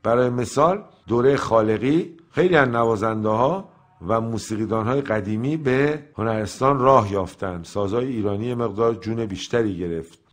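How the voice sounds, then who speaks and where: An older man teaching a lecture on Persian music rhythm, counting beats aloud and vocalizing rhythmic syllables between explanations. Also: medium pitch.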